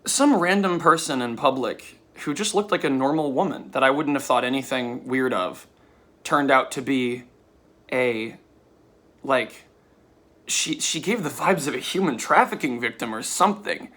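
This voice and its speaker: A man's voice: medium pitch, moderate pace, a bit bright. A young man in a casual vlog monologue who rambles candidly and swears in passing. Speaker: vlogger.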